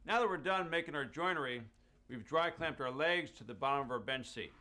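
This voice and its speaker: In his indoor wood workshop, a middle-aged host and woodworker gives an instructional demonstration in a bright, pushed, slightly raised voice that's expressive and brisk. He explains each cut clearly and methodically, showing mild enthusiasm for his tools and jigs, while a lapel mic keeps him close-sounding within the shop.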